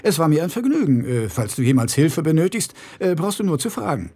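A man voicing a smooth, quick-witted young con man who talks in an innocent-sounding way. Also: on the high side, big pitch swings, mellow, voice pushed up.

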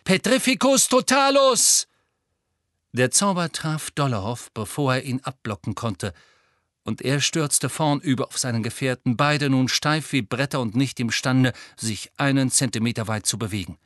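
A man's voice: medium pitch, normal speed, fairly bright tone, no echo. Man narrating a storybook, dry and close. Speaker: audiobook narrator. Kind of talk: scripted narration.

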